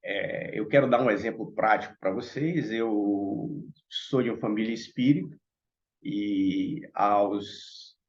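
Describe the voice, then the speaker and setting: This Bahian Brazilian man from Salvador talks slowly in a lowish voice, delivering reflective remarks on a Theosophical meeting panel with many direct asides to the audience. The highs are cut off.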